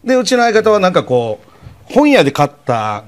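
A man telling a comic story in a relaxed, conversational way. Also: sits high, fairly quick.

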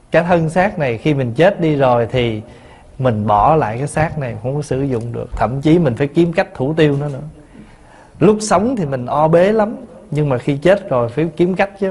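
A man's voice: a little high, darkish tone. A man, a Buddhist monk giving a dharma talk, telling stories and asking his listeners rhetorical questions. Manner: conversational storytelling with rhetorical questions.

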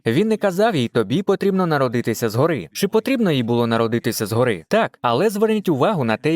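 Lively male pastor, dry close sound. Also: medium pitch, dry recording. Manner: teaching, asks listeners questions. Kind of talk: Ukrainian voice-over of a Bible teaching.

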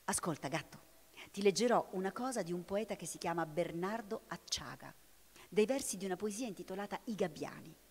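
A woman reading a dreamy, gentle male poet. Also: on the low side, lively intonation, fairly quick, slightly rough. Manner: stammering, astonished. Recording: long hall reverb.

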